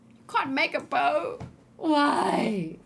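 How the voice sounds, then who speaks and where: A gaming streamer with a high, gravelly, animated voice speaks very slowly while playing. She hosts in a casual, think-aloud style, often muttering to herself. The noisy recording carries keyboard typing, mouse clicks, and background noise.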